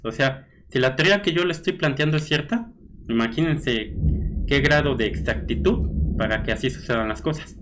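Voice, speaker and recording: A man's voice: medium pitch, fairly bright tone, slight background noise. A man with a Mexican Spanish accent giving casual blog commentary, reading news snippets aloud and musing with frequent fillers and tag questions. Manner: conversational, musing with fillers like "este" and "¿no?". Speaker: blogger host.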